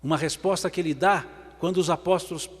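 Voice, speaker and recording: Brazilian spiritist lecturer, male, fairly high voice, emphatic and dynamic, long hall reverb. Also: steady tone, fast, breathy edge. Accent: Brazilian Portuguese. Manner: emphatic, swinging between loud and hushed passages. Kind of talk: religious lecture. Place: large event hall.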